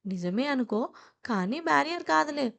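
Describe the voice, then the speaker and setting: A spirited young college girl from an audio story speaks in a lively, teasing way, as a woman narrator voices her. Her voice sits a little high and stays bright-spirited. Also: normal speed, gravelly, heavily acted.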